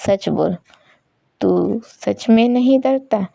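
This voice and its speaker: A woman voicing a bold young man who teases in rough slang, in a read-aloud story. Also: mid-range voice, slow pace, mellow, no echo, exaggerated voice. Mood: probing.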